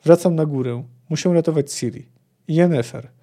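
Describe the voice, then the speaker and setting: A man's voice: a little high, moderate pace, mellow. A man reading aloud as a grim, terse male monster hunter, with curt, dry delivery.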